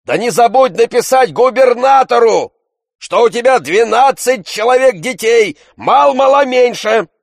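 A man playing a loud, bullying freeloader. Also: mid-range voice, sing-song, takes it slowly, no echo, clean studio sound, pitched above the performer's own voice, exaggerated voice. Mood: bellowing. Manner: loud, shouting, demanding. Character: coarse blustering middle-aged male freeloader.

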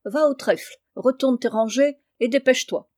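Stern peasant father, commanding, voiced by a woman reader, mid pitch. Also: normal speed, warm tone, no room sound, clean studio sound, natural voice.

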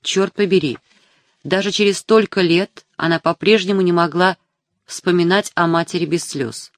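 An audiobook narrator reading literary prose in a measured, even storytelling manner. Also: medium pitch, no echo, clean studio sound.

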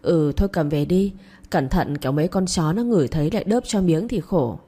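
A woman's voice: fairly low pitch, lively intonation, brisk, dark tone, breathy edge. A woman voicing a brusque older mistress of the house in a spoken story.

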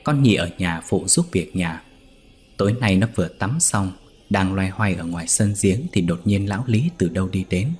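A man narrating a scripted ghost story in a measured, steady way. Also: deep voice.

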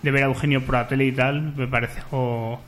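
A man co-hosting a radio show, relaxed and a bit hesitant, with fillers. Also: medium pitch, fairly quick. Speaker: radio co-host. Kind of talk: casual radio chat.

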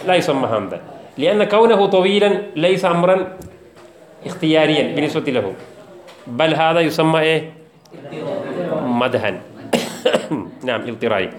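A man's voice: fairly high pitch, expressive, moderate pace, long pauses, echoey room. A man teaching a theology text in a classroom, repeating key phrases, quizzing his students and joking with them.

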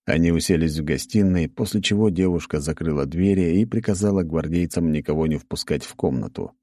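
A man narrating an audiobook with expressive storytelling. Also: extremely low pitch, a little fast, no echo, clean studio sound.

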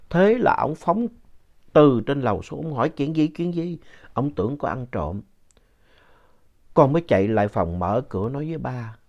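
Man telling a ghost story. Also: mid-range voice. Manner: lively, conversational retelling with asides. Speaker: story reader. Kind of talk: spoken ghost story narration. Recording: dull lo-fi sound.

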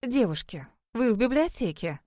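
A woman narrator voices a composed female teacher in a library. She speaks calmly and firmly, in a measured way. The reading is dry and close. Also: fairly high pitch, dry recording. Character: calm female librarian teacher, dryly curious.

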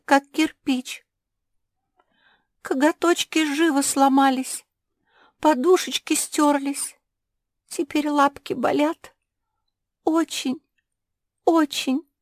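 A woman's voice: high-pitched, no room sound, studio quality, pitched above the performer's own voice. A woman voicing a timid young female spitz dog in a children's audiobook, speaking in a trembling, tearful way.

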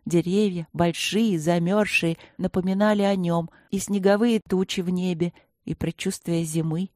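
A woman reading a children's storybook aloud in a steady, even-paced manner. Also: fairly low pitch, dry recording, studio quality. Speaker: audiobook narrator. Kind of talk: storybook narration.

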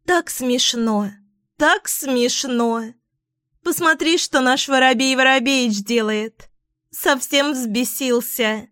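A woman voicing a lively little female titmouse who chirps and giggles in a fairy tale. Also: high-pitched, slow pace, no room sound, studio quality, pitched above the performer's own voice, heavily acted. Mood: giggly.

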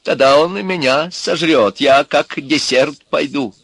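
A man voicing a fawning, scheming woman, a witch's daughter, in a wheedling falsetto. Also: measured pace, vocal fry, fairly bright tone, breathy edge, no room sound, heavily acted. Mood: flattering.

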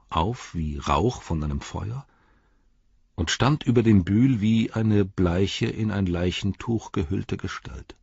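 Male audiobook narrator, very low voice, husky, measured and grave, dry close sound. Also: dry recording. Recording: dry, slightly dull studio read.

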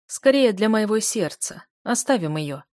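A woman reading the lines of a worldly, wry man of about fifty in an audiobook, speaking in an unhurried, amused way. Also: medium pitch, expressive, a little mellow, dry recording, clean studio sound, lightly acted. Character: dry, ironic 49-year-old man, worldly.

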